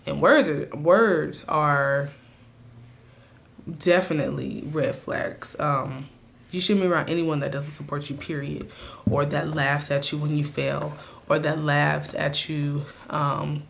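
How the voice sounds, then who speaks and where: A woman with a raspy, hoarse voice from a cold, giving earnest motivational advice straight to her viewers in a casual vlog. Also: deep voice, fairly even intonation, takes it slowly, a little hiss or hum. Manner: earnest, speaks to viewers directly. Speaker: vlogger.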